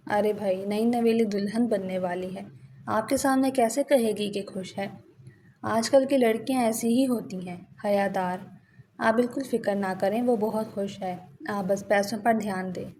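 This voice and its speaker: A woman's voice: mid-range voice, mellow, slight background noise, lightly acted. A woman voicing a bossy, scheming young wife in a storybook reading who talks in a pushy, commanding way. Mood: coaxing.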